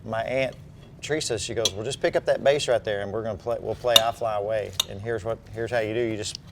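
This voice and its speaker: A man who plays bass in a band, casually telling stories over lunch. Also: fairly even intonation, quick pace, background noise. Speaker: bass player, band member. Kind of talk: casual storytelling. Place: restaurant.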